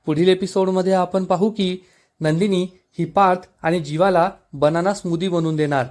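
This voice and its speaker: A man narrating a TV serial episode recap in a steady storytelling way, speaking directly to his viewers. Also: sits high.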